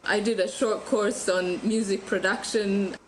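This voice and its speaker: A woman from Ethiopia, in her thirties, speaking as a guest on a podcast, chatty and quick to laugh, with frequent restarts. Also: medium pitch, steady tone, a little hiss or hum, low-quality recording. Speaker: guest photographer. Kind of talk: casual podcast interview.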